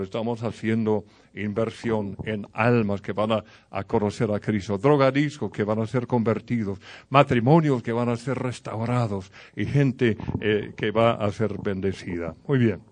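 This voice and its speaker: A man's voice: on the low side, unhurried, hardly any pauses, darkish tone. Man preaching a conversational sermon. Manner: conversational preaching with anecdotes and direct address to the congregation.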